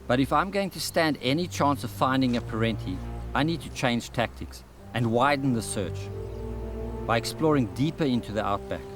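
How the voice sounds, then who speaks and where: A man reading scripted first-person documentary narration in a measured, reflective way. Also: medium pitch. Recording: narration over music.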